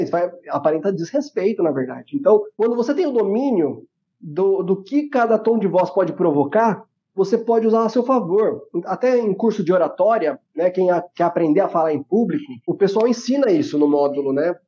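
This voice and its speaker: A man's voice: high voice, warm tone, lo-fi sound. A man co-hosting a podcast who explains points in a teacherly way, asking rhetorical questions and tagging lines with "né?". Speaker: podcast co-host. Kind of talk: explanatory casual talk.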